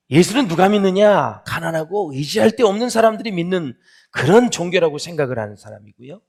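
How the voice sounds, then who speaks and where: Husky pastor preaching with lively pitch swings. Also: male voice. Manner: swings from loud exclaiming to soft near-whispered asides; asks the congregation questions and answers them himself. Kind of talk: sermon. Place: church sanctuary.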